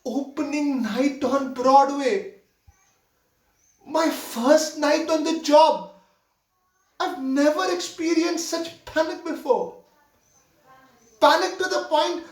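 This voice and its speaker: A nervous young theater usher, played by a man stumbles through a confession on his first night, stammering and apologetic. The voice sits high and unhurried. It sounds roomy and picked up from well away from the mic. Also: recorded from a distance. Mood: flustered. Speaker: actor performing a monologue. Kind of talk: theatrical monologue.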